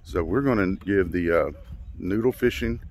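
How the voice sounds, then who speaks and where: Outdoor sounds of water and boat surround a fishing channel host in his forties as he vlogs casually from a small river boat into a handheld phone. His voice sits low and is a little mellow, at normal speed, and his chat is upbeat and packed with fillers.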